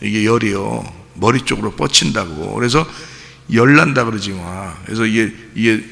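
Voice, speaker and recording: A man preaching at a dawn service in a gravelly, sharp-edged voice. He presses his points with repeated words and keeps firing questions at the congregation. The sound carries a long reverb that rings through the church sanctuary. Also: on the low side, normal speed. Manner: emphatic, repeats key words. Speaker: pastor. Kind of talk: early-morning sermon.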